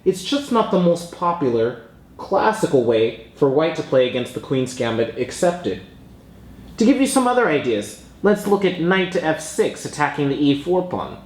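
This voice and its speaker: A man giving explanatory chess commentary as an instructor, talking through moves in a measured, informal teaching manner. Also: fairly high pitch, sing-song, a little mellow, reverberant.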